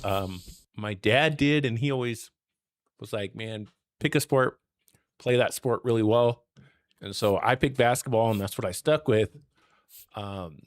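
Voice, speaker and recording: A man's voice: medium pitch, no echo, studio quality. A young man hosting a casual gaming stream, chatty and laid-back, talking while his voice is worn. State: losing his voice. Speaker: streamer host.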